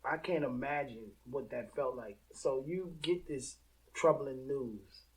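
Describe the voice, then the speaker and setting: A man's voice: mid-range voice, slow, low-quality recording. A man hosting an interview, chiming in with short affirmations and explaining points for the audience. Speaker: host.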